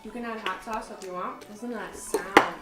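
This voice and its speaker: A young woman from upstate New York hosting a casual home vlog, excitable and gushing, swearing freely as she chats. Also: mid-range voice, fairly quick. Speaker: channel host. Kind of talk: casual chat. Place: home kitchen. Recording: echoey room, faint music.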